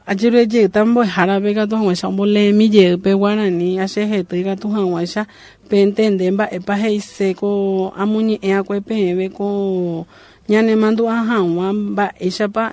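Woman reading her class notes out, slowish, dry close sound, faint music. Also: medium pitch, a little mellow, no room sound. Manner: reads out explanations from notes. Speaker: student. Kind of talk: class presentation.

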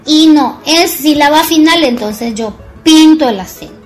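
A woman teaches a grammar lesson in a high, unhurried voice. She stresses words clearly and repeats them as she explains. Faint music sits behind her. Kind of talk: bilingual Guarani and Spanish grammar lesson.

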